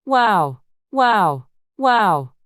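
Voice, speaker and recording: A woman's voice: medium pitch, very animated, very slow, fairly bright tone, no echo, clean studio sound, full character voice. A woman voicing a bossy, bad-tempered duchess with a curt, theatrical, scolding delivery in a dramatized storybook audiobook. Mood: harsh, sing-song.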